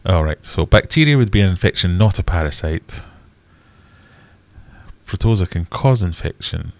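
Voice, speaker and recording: A man's voice: low-pitched, expressive, moderate pace, gravelly, no room sound. A middle-aged British man with a congested, nasal voice chatting casually on a livestream, rambling in a blunt, wry way. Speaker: livestream host answering viewer questions.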